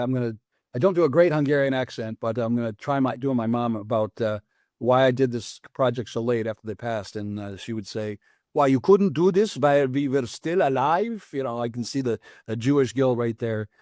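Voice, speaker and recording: An older American man, a guest author, answering interview questions in an earnest, reflective and halting way. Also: medium pitch, a little mellow, no echo, studio quality. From United States.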